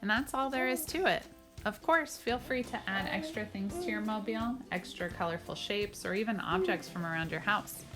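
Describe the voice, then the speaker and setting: Narrating a children's craft tutorial, a woman art teacher explains each step plainly while music plays in the background. Her voice is medium in pitch and her pace moderate.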